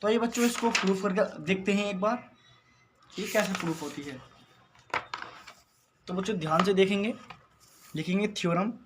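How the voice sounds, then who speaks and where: High-voiced man teaching math. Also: normal speed, pauses often, noisy background. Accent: Hindi-accented English. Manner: patient, repeats questions to students. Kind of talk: classroom lesson.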